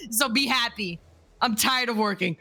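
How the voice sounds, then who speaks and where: Bright-voiced woman on a group voice chat. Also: on the high side, moderate pace. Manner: blunt and loose, swears freely. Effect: heard over a group voice chat with push-to-talk. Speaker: VTuber streamer. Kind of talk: casual group chat among streamers.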